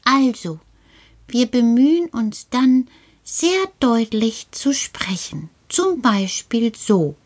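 A woman performs a friendly little male creature from an underground burrow, in a children's puppet-style dialogue. The voice sits high and moves slowly, patient and coaxing, often sinking into a hushed whisper. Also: very animated, slightly rough, heavily acted. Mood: patient coaching. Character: cheerful little male cave-dwelling earth creature.

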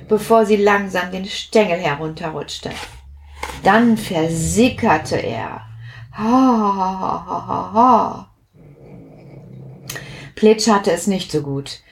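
A woman reading a children's story aloud, expressive and unhurried. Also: medium pitch, slight background noise.

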